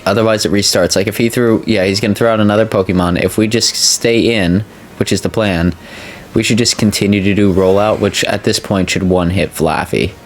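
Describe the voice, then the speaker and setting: A let's player's lowish voice, fairly even in intonation and a little fast, carries his casual video game commentary in an indoor voice-over with slight background noise. He speaks somewhat carefully because his mouth is sore after a wisdom tooth removal.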